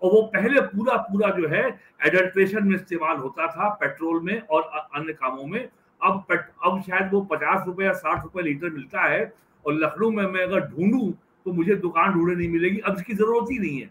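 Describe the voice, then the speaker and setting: A man speaking as a panel guest in a political discussion, deliberate and critical, often pausing and repeating words as he builds his point. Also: sits high, fairly bright tone, slight background noise, low-quality recording.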